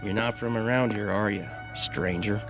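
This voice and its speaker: A drawling cowboy stranger. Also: male voice, fairly low pitch, fairly even intonation, creaky, loud music behind the voice. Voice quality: slow drawling, mock-menacing. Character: drawling male cowboy-type sidekick.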